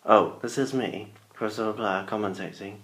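A man's voice: on the low side, moderate pace, fairly bright tone. A man commentating a toy car race in a put-on scary Halloween voice, calling out bursts at each start.

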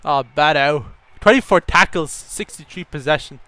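A young man commentating his own gameplay, telling a story and bursting into excited shouts at the game. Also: on the high side, normal speed, smooth, dry recording. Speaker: gaming YouTuber.

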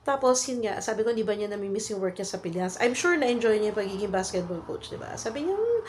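A woman's voice: medium pitch, animated, fast, a little mellow, slight background noise. Chatty Filipino woman with a cold. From Philippines. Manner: chatty Taglish with many fillers and tag questions. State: has a cold and cough. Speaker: vlogger. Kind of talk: casual storytelling vlog.

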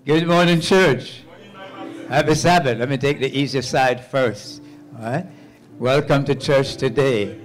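An older pastor walks the pews of a church sanctuary holding a handheld mic, greeting visitors by name and urging the congregation to say amen. He warmly repeats names, speaking unhurriedly in a medium-pitched voice with faint music in the background.

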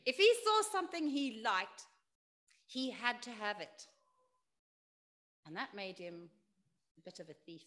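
High-voiced woman telling a children's church story. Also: measured pace, long pauses. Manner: expressive storytelling with sudden loud and soft turns.

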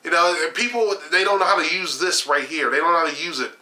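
A man's voice: fairly high pitch, quick pace, reverberant. Sarcastic young man ranting on camera. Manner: animated, gesturing, sarcastic, frequent fillers and restarts. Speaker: political commentary vlogger. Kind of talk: opinionated political commentary. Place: small room at home, shelves of games behind.

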